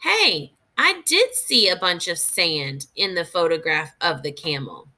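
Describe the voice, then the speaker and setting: A woman teacher, lowish in voice, reads aloud from a nonfiction book for kids. Her delivery is deliberate and expressive, with pauses to think aloud for young learners.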